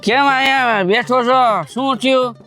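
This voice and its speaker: A man's voice: extremely high pitch, takes it slowly, sharp tone, soft background music. A man, questioning and scolding a friend in a comedy sketch. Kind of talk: rustic comedy sketch dialogue.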